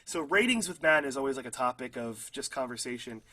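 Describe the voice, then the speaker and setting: Here the football podcast co-host sounds expressive and forceful, his mid-range voice bright and quick. He's a young man keeping things loose and chatty, hedging with fillers and laughing at his hot takes.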